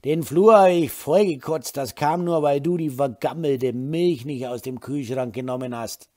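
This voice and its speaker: A man voicing a surly drunk man in an audiobook, slurring and dragging out loud, belligerent words. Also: medium pitch, animated, slow. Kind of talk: audiobook character voice.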